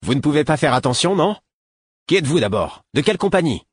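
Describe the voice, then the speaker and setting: A man's voice: fairly low pitch, moderate pace, husky, no room sound, voice pushed up. A man voicing a brash, aggressive teenage male guard in an audiobook, snapping out challenges. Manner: belligerent, snapping.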